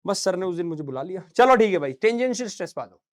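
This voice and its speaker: A man's voice: sits high, lively intonation, fast. A young man teaching a physics lesson in a casual, chatty way, calling his students beta and bhaiya and mixing in anecdotes and little sung sound effects. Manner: sings little sound effects between points. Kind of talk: casual classroom lecture.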